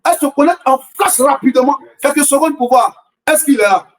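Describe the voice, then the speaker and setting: A man preaches a fervent sermon in a strikingly high voice. He hammers at repeated questions, often shouting, and drifts into a sing-song preaching cadence. His voice sounds distant from the microphone. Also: animated, a little fast. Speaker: prophet preaching a morning prayer.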